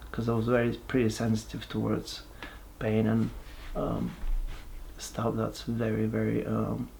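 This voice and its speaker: A man, giving a halting, reflective personal testimony with many pauses and restarts. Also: medium pitch, vocal fry, a little mellow, slight background noise. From Bulgaria. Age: 40s. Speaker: person sharing his life story.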